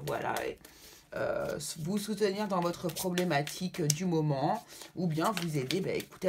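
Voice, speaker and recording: A woman's voice: mid-range voice, slight background noise. A woman giving a tarot card reading to her viewers, talking reassuringly and often checking in with them. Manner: affectionate sign-offs to viewers.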